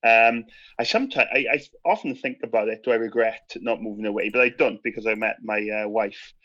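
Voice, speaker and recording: A man's voice: fairly low pitch, brisk, a bit bright, muffled recording. A man in his thirties with a Swansea Welsh accent, chatting casually and a little hesitantly as an interview guest. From Swansea, Wales. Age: 30s. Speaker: podcast guest, primary school teacher.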